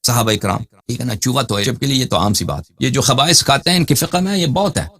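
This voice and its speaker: Husky, animated male lecturer. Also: mid-range voice. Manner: fires rhetorical questions, then answers them; cites texts and reads out page numbers. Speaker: religious scholar. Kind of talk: scholarly lecture.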